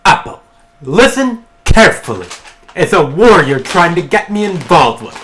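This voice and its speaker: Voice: mid-range voice, sing-song, fairly bright tone. Cold male strategist, read by a gamer. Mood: stern. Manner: reads game dialogue aloud, slow and measured. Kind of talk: reading game dialogue aloud.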